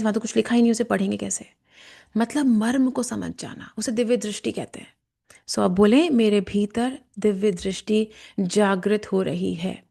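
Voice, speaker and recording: Slow, calm Hindi meditation teacher, gravelly. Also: female voice, medium pitch. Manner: slow, calm instruction with softly chanted verses. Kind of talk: guided chakra meditation lesson with chanting. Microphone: camera and mic.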